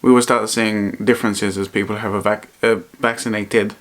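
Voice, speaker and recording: A man vlogging in a reflective, personal way, speaking earnestly and haltingly and often repeating his phrases. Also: lowish voice, little pitch movement. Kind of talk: personal vlog to camera, reflective talk.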